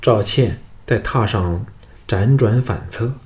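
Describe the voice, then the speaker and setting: A man narrating a historical novel as an audiobook, in a steady storytelling way. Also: lowish voice, slow pace.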